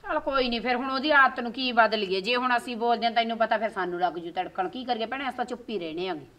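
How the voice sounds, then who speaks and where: A woman's voice: a little high, fast, fairly bright tone, natural voice. A woman with a rural Malwa Punjabi accent, playing a caring older sister-in-law who keeps reassuring the other woman. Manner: soothing, reassuring.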